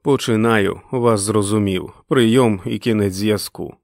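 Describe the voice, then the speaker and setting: A man voicing a grim man who speaks firmly and quietly into a radio. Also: lowish voice, creaky, no echo, studio quality. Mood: grimly calm. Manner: firm, quiet, deliberate.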